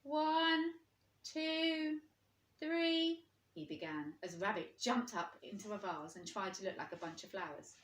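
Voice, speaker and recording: A woman with a somewhat low, slightly bright voice reads a storybook to young children in an expressive, teacherly way, asking them questions along the way. She talks fairly quickly with few pauses, and the indoor recording is roomy and echoing.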